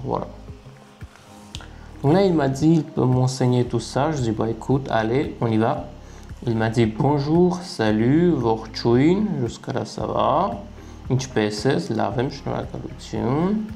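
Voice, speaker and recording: A man with a gravelly, mellow, mid-range voice talks casually over a screen recording. As a language-learning video creator, he moves through what's on screen with amused chatter, thinking out loud.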